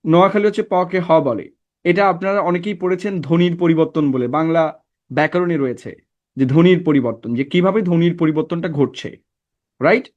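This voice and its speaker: A man's voice: on the high side, brisk, darkish tone, muffled recording. Man lecturing a class. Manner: conversational, asks the class checking questions. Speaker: teacher.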